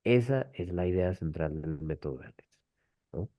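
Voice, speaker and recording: A man's voice: low voice, lively intonation, moderate pace, mellow. A man hosting an online webinar, explaining patiently with many rhetorical tag questions over a video call. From Colombia. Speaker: webinar host, language method presenter. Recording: dull lo-fi call audio.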